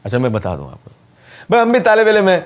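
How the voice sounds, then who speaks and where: A man's voice: sits high, huge pitch swings. A man giving a polemical religious talk as a rebuttal, speaking in an emphatic, sarcastic, mocking way.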